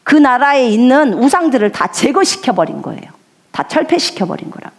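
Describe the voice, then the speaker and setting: A woman's voice: high voice, sing-song, normal speed. A woman missionary preaching a sermon in an emphatic way, repeating her key lines for weight.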